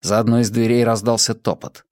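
A man reading an audiobook in measured scripted narration. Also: mid-range voice, level tone, dry recording, studio quality. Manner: measured storytelling.

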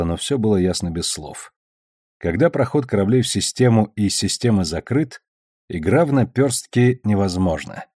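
A man narrating a novel as an audiobook reader, in an even, measured way. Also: fairly low pitch, husky, no room sound, studio quality.

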